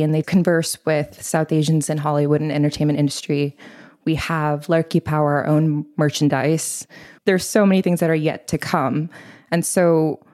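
A woman's voice: low-pitched, darkish tone. A young woman from Thailand, a literary editor, talking earnestly as an interview guest and running through details fluently. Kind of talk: interview conversation.

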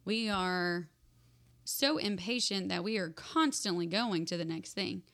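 A woman's voice: on the low side, measured pace, a bit bright. A woman co-hosting a faith podcast in casual conversation, chiming in with quips and asides. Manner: chatty, chimes in with quips and asides.

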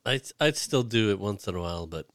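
Wry, low-key man co-hosting a podcast. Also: animated, brisk, fairly bright tone, no echo, clean studio sound. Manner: offhand, wry quips. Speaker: podcast co-host. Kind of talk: casual comedic podcast chat.

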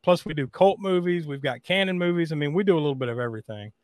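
A man's voice: fairly high pitch, fast talker, no echo. A man hosting a podcast, talking in a casual, showman-like style. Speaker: podcast host. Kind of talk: casual chat and hyped show introduction.

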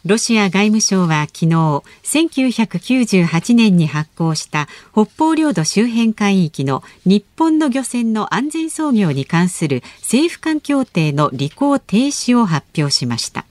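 A woman's voice: mid-range voice, big pitch swings, slow pace, few pauses, no echo. A woman co-hosting a radio show, reading listener mail and notices, giggly in the banter. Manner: bright, giggly, reads notices smoothly. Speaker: radio announcer and co-host.

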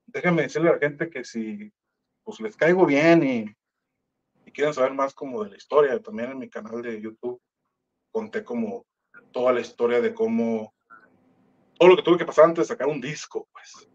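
A man's voice: mid-range voice, normal speed, pauses often, highs cut off. A man with a Mexican Spanish accent telling a personal story in casual, slangy talk, acting out the voices of other people. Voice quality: slangy, animated, acts out quoted voices. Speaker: musician telling his story.

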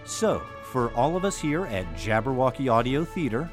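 Music plays under a mid-range, sing-song voice moving at normal speed. The speaker is an American man who hosts and artistically directs an audio theater, and he introduces the show's season on his podcast in a chatty, wry way with playful asides.

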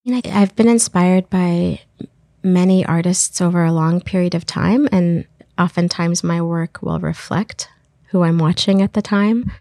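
A woman's voice: fairly low pitch, a little slow, a little mellow, no room sound, studio quality. A woman filmmaker talking thoughtfully in an interview, searching for her words as she reflects on her work. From Iraq. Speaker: filmmaker guest.

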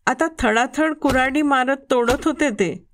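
A woman's voice: sits high, moderate pace, slight background noise. A woman reading a children's story aloud in the first person, telling it expressively as the boy who lived it.

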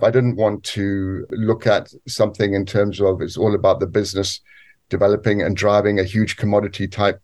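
A man who grew up on a farm in Zambia and lives in the UK, answering interview questions in a measured way with frequent restarts. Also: fairly low pitch, a little mellow. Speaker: guest, cofounder.

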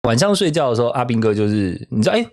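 A man in his thirties with a Taiwanese Mandarin accent, talking casually on a podcast. His pitch swings widely as he tells animated stories, and he laughs often between lines. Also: racing. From southern Taiwan. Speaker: podcast co-host. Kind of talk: casual chat.

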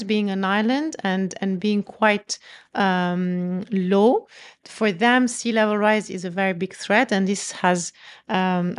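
Chatty woman interviewer, many fillers. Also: mid-range voice. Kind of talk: conversational interview.

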